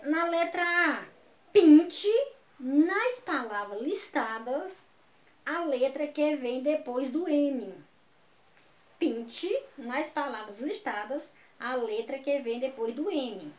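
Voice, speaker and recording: A woman reads a school lesson aloud, slowly and patiently repeating each instruction. The room echoes, and crickets chirp faintly behind her. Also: high voice, a little hiss or hum. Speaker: teacher. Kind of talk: reading a textbook lesson aloud. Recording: roomy echo with faint crickets.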